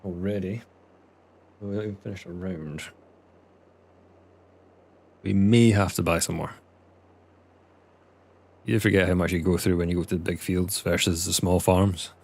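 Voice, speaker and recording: A low-pitched, creaky, slightly mellow voice with fairly even intonation, normal speed and frequent pauses. It belongs to a young Scottish man casually streaming a farming game, chatty with viewers, reading their chat aloud and muttering at the game.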